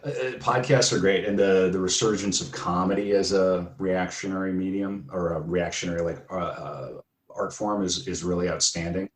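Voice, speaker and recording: A man guesting on a podcast, chatting casually and breaking into laughter as he tells stories. His voice sits fairly low and rings in a roomy, echoing space. He keeps an easygoing, animated flow. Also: moderate pace. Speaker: guest playwright. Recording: roomy echo.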